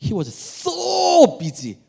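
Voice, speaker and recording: A man's voice: very high voice, wildly swooping pitch, drawn-out words, vocal fry, darkish tone. A middle-aged man, a pastor, leading a prayer and then preaching a sermon, telling family stories and playfully acting out his children's voices. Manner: storytelling, playfully acts out children's voices, laughs often.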